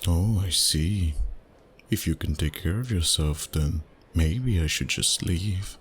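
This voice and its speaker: In an intimate roleplay ASMR style, a man plays a dominant, flirty, suave vampire boss, teasing in an unhurried way with courtly phrasing and pet names. His voice sits low and husky, fully in character.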